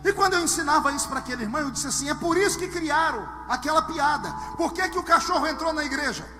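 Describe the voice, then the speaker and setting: A man preaching a sermon to a live congregation, telling humorous stories and swinging from hushed asides to shouted lines. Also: extremely high pitch, lively intonation, fast talker. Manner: humorous storytelling. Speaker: pastor. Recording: long hall reverb with music underneath.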